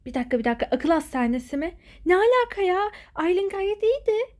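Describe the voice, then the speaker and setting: A woman voicing a worried schoolgirl who fears for her friend, speaking anxiously and often in a hushed voice. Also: very high voice, sing-song, fast talker, voice pushed up.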